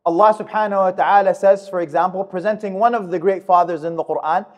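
A man in his thirties delivering a Friday sermon in a mosque, speaking at a podium microphone in a measured, emphatic way. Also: high-pitched, fairly even intonation, darkish tone. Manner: measured, emphatic delivery with fast recited Arabic verses. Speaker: khutbah speaker. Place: mosque prayer hall, indoors. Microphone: gooseneck podium mic.

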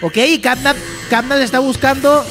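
Brief: high voice, lively YouTuber reacting to a cartoon, loud music underneath. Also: normal speed. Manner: excitable, laughs often, reads dialogue aloud. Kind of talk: reaction commentary.

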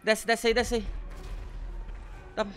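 A man's voice: extremely high pitch, monotone, slow, fairly bright tone, soft background music. A man giving panicky, exclamatory gameplay commentary, often repeating words. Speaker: gameplay streamer.

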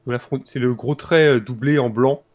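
A man presenting a book and its history informally, in a calm, explanatory way. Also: mid-range voice, moderate pace, soft background music. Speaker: guest presenter.

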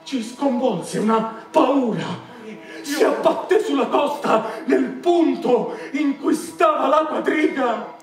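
A man's voice: very high-pitched, slow, soft background music. A man acting a solemn, grief-stricken royal figure in a classical stage tragedy, declaiming. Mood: horrified, grieving. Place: large outdoor theatre at night. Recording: echoey open-air stage, distant mic, faint noise.

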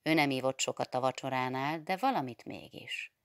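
Egy nő nyugodt, egyenletes tempóban regényt olvas fel hangoskönyvként. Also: female voice, extremely low pitch, smooth, dry recording, studio quality. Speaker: reader of a novel. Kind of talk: audiobook narration.

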